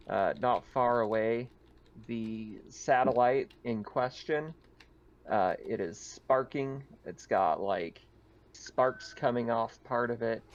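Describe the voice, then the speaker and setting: Acting as game master for a tabletop roleplaying game, a man narrates casually and haltingly, piecing the scene together as he goes. His voice is mid-range and the sound is lo-fi.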